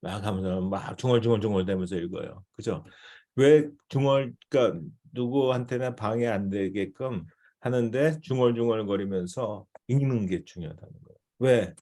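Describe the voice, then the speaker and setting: A man's voice: lowish voice, normal speed, mellow. A male missionary teaching a devotional seminar in a conversational way, often checking in with his listeners.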